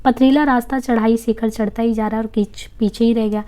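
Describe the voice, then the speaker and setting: Woman reading a novel aloud, mellow voice. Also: on the high side, fairly quick. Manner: steady reading with occasional slips and restarts. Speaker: reader.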